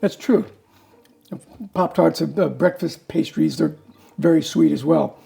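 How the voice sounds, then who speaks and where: A man's voice: fairly high pitch, measured pace, vocal fry, warm tone. A man tasting food with his partner in a casual chat, candid and wary of new foods. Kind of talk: casual taste-test chat.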